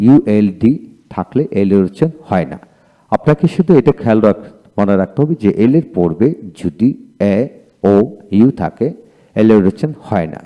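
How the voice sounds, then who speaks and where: A man with a Bangladeshi accent teaches in a slow, patient lecture, saying each word twice and spelling it out letter by letter. His voice sits low, with a dark, mellow tone. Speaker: English teacher. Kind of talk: recorded video lecture.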